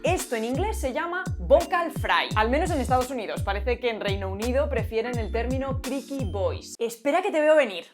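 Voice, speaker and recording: A young woman with a Spain Spanish accent hosting a linguistics explainer, lively and playful, asking herself questions. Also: a little high, brisk, few pauses, music in the background. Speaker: linguistics video host. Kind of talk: scripted explainer.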